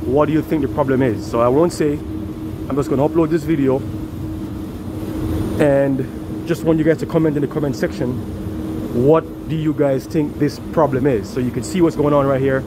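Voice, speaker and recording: A man's voice: on the high side, fairly even intonation, normal speed, long pauses. A man working as an HVAC technician, talking casually to his viewers while filming a commercial AC unit, often repeating and restarting his words. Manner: chatty, repeats himself, restarts lines. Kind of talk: casual on-the-job vlog. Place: beside a commercial rooftop AC unit. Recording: loud machine noise behind the voice.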